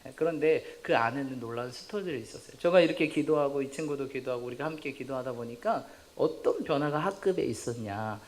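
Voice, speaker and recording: A male pastor preaching a sermon in a church sanctuary. He tells a personal testimony in a lively, humorous way, acts out the dialogue and laughs at his own stories. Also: mid-range voice, fast talker, few pauses.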